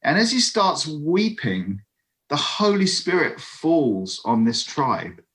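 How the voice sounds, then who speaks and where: A man giving a lively, conversational sermon over an online video call, with friendly asides to his listeners. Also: fairly high pitch, slow. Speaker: preacher.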